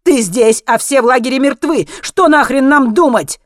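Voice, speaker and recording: A furious soldier, as the narrator puts him on, yells his accusations with his voice pushed up high and strained. The shouting lands in a dry, close recording with no echo behind it. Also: moderate pace, breathy edge, close to an everyday voice. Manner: yelling, high-pitched accusations.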